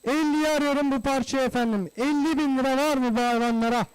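A man's voice: extremely high pitch, quick pace, clear, resonant tone, poor audio. A man working as a livestock auctioneer, calling out bids in repeated phrases and addressing guests formally and courteously. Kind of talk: live auctioneer calling bids, repetitive price chant.

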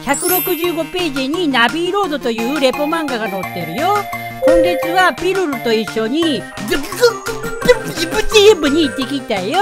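A woman's voice: sits high, animated, fairly quick. A woman host giving casual scripted comedy narration, slangy and brash with a cutesy mascot-like delivery. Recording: music behind the voice. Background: background music and jingles.

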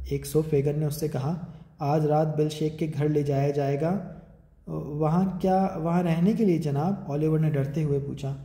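A man reading a storybook aloud, lifting his voice for the characters' lines. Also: warm tone. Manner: raises pitch and volume for characters' lines. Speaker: audiobook narrator. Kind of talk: storybook narration with acted dialogue. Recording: echoey room with long reverb.

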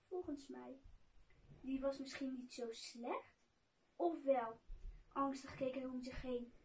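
A woman reading a children's adventure story aloud as a masked guest reader, slowly and deliberately, calling out the cries for help with drama. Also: high voice, a little mellow, recorded from a distance.

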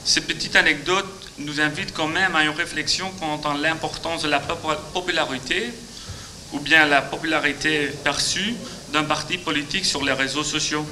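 A Flemish man delivers a conference talk in halting, second-language French. His voice is very bright and forceful, picked up on a podium microphone with faint noise behind. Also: on the high side, steady tone, rough recording. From Flemish Belgium. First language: Dutch (Flemish). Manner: halting non-native French with grammar slips. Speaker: conference speaker, legal adviser. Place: large conference auditorium.

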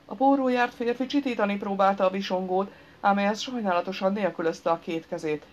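A woman narrating an audiobook in an even, dry storytelling manner. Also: mid-range voice. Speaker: audiobook reader. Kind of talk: scripted narration. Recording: dull lo-fi recording.

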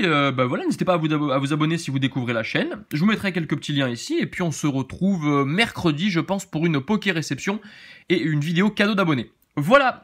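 A man's voice: on the high side, a bit bright. A man with a southern French accent, a little tired, chatting casually as he opens trading cards in a vlog and rambling with frequent filler tags. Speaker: card-opening YouTuber. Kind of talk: casual card-opening vlog.

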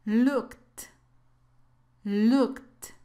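Slow-spoken woman teaching pronunciation. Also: on the high side, steady tone, warm tone. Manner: slow, careful drilling of words twice. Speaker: English teacher. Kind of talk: pronunciation lesson.

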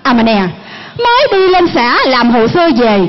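A woman with a Southern Vietnamese accent playing a chattering farmer's wife who answers back quickly in a stage comedy skit. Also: high-pitched, big pitch swings. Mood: bickering. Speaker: stage actress. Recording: muffled recording with music behind.

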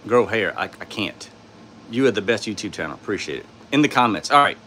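A man with a sore throat hosting a casual live stream, answering chat in a tired, low-key way from his home studio on a phone. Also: animated, a little fast, bright, forceful tone, slight background noise. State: sore throat, speaking softly.

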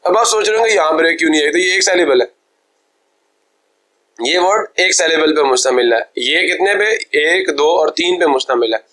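A young man teaching a software tutorial, explaining step by step, slipping English terms into his speech and often checking that viewers follow. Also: on the high side, normal speed. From Pakistan. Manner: mixes English terms into Hindi-Urdu speech; polite, deferential address to viewers. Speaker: computer teacher. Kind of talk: screen-recorded software tutorial.

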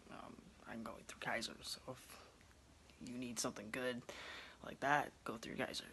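With vocal fry in his medium-pitched voice, a man in his twenties vlogs casually to his phone camera at close range from a small room at home. He rambles, relaxed, using many ums. The recording is rough, with slight background noise behind him.

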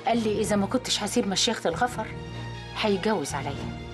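A woman's voice: mid-range voice, animated, quick pace, music in the background, lightly acted. An actress playing an older village woman who is giving up her job as guard chief. She speaks with an Egyptian accent, earnest and pleading. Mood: heartfelt. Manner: heartfelt, pleading. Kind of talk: TV drama acting.

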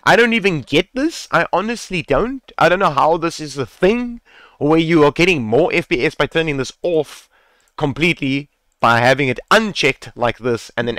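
Talking into a headset mic, a man walks viewers through game settings in a relaxed screen-recorded tutorial, repeating his tips and cursing occasionally. He makes gaming tutorials, and his fairly high, slightly bright voice is animated at a normal speed, with no room sound.

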